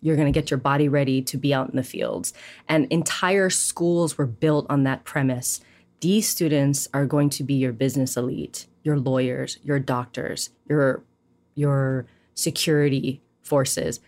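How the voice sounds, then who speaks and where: In this reflective interview, the guest is a woman poet from Hawaii with a bass voice. She speaks in an animated, considered way and regularly stops to say "um" or "you know."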